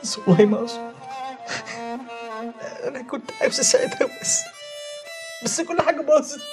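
A guilt-ridden wealthy father talks fast with a lively, swinging pitch and an Egyptian Arabic accent. Strings play under him in a television drama. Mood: grieving. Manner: shouting then broken, pleading. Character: remorseful wealthy father, ailing, volatile. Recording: soft dramatic music behind, slightly distant.

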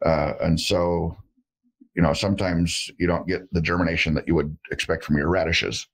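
Speaking from a room with shelves of jars, this middle-aged man is an herbalist guest on a video call. His deep voice stays steady at a moderate pace while he gives a casual interview in a folksy, joking, rambling manner full of fillers.

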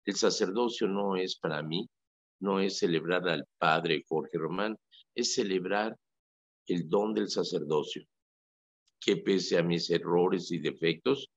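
Un sacerdote católico con acento mexicano que conversa en la radio, con un tono animado y enfático, como quien cuenta anécdotas. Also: male voice, low voice, slow, dry recording. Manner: animated, emphatic, storytelling. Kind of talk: casual radio talk. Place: radio studio. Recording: dry lo-fi radio audio.

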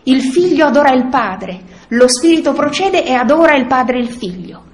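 A woman's voice: sits high, lively intonation, normal speed. Earnest woman teaching in an echoey room. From Italy. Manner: earnest, explanatory, with frequent fillers and restarts. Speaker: speaker leading a prayer group. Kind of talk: spiritual teaching talk.

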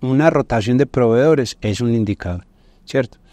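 Here the middle-aged Colombian-accented guest sounds medium-pitched and dark-toned, talking at normal speed on a dry lapel-mic recording. He lays out business finance like a teacher in an indoor podcast studio, often ending points with tag questions.

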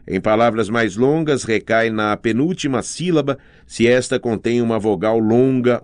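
A man with a Brazilian Portuguese accent reads an audiobook at a very unhurried pace, pausing over each sound. His voice sits a little low. The recording is dry, with no room sound. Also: a little mellow, no room sound. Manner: slow, careful reading that spells out sounds. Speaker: audiobook narrator. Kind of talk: scripted narration.

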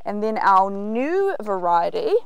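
Her medium-pitched voice is sing-song with vocal fry, taken slowly, clean in tone with no room sound. She's a New Zealander in her thirties leading an enthusiastic tour of her market garden outdoors, walking among the vegetables and pointing out crops as she explains.

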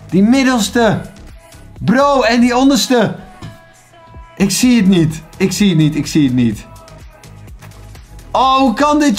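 A young man with a Dutch accent, chatting casually and excitedly as he plays a football quiz for his channel, muttering to himself as he guesses. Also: high-pitched. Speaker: YouTuber playing a quiz. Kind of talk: casual commentary while guessing.

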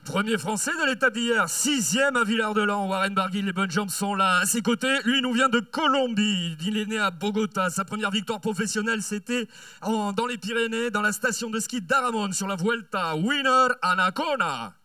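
A man's voice: sits high, moderate pace, bright, forceful tone, dry recording, far from the mic. A man co-presenting riders on a race podium in a chatty way, stretching out their names. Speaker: podium co-announcer.

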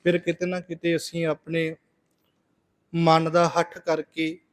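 A man with a Punjabi accent giving a religious lesson on how to pronounce scripture, reciting verses slowly and deliberately with pauses. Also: fairly high pitch, completely flat delivery. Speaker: Sikh preacher teaching scripture pronunciation.

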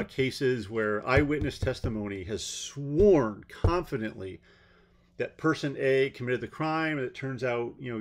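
A man talks through a trial in an unscripted commentary, his voice sitting at an ordinary middle pitch. He is blunt and openly sarcastic, breaking off into exasperated asides. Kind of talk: rambling commentary monologue.

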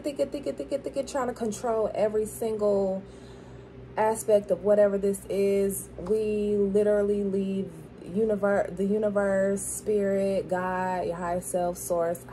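A woman's voice: medium pitch, mellow, slight background noise, low-quality recording. A woman from Florida, talking with a dental grill in her mouth in a casual spiritual pep talk, repeating phrases for emphasis. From Florida, USA. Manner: affirming, repeats phrases for emphasis, checks in with "okay?". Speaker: spiritual tarot card reader.

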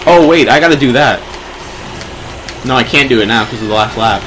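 A man's voice: mid-range voice, brisk, fairly bright tone, slight background noise. A young man streaming a racing game, chatting casually and rambling through jokes with a friend. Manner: joking, rambling banter. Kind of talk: casual gameplay chat. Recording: game music behind.

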